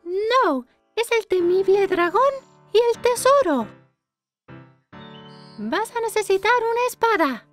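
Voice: very high-pitched, animated, slow pace, pauses often, soft background music, full character voice. An actor voicing a friendly, playful little girl in a children's cartoon dub, mixing foreign words into the talk. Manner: mixes English words into Spanish. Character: friendly little girl playing a bold princess.

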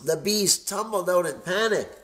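A man reading a children's picture book aloud in a lively, expressive way. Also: high-pitched, moderate pace. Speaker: storybook reader.

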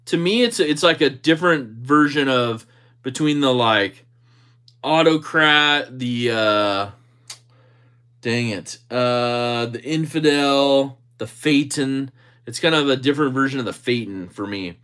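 A man with a medium-pitched voice hosts a casual livestream. He reads out and answers comments in a relaxed, conversational way, joking as he goes. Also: measured pace, clear, resonant tone. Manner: jokey, easygoing. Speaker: livestream host.

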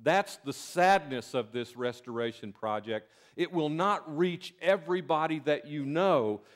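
Older southern preacher in a church, folksy and earnest, keeps restarting words. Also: male voice, a little high, a little slow. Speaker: pastor. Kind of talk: sermon. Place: church sanctuary. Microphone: pulpit mic.

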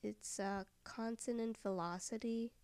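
A soft-spoken woman giving a software tutorial voice-over, often trailing off into a whisper. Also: a little high, fairly even intonation, unhurried, background noise.

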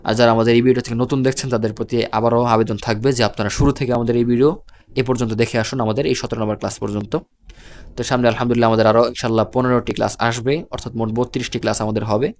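A man's voice: medium pitch, little pitch movement, very fast. A man teaching Quran reading in a recorded video lesson, with a Bangladeshi Bengali accent. He patiently spells out syllables one by one and repeats each example.

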